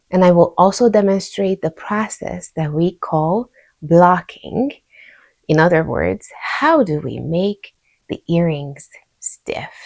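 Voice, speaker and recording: With a low-leaning, dark voice full of vocal fry, a Hungarian-accented woman walks viewers through a crochet tutorial step by step. She's the channel's host and keeps things easygoing and casual.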